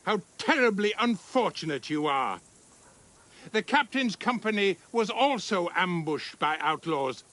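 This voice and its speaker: Sardonic, animated castle commander. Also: male voice, high-pitched, measured pace, exaggerated voice. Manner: condescending, formal. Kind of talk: video game dialogue acting.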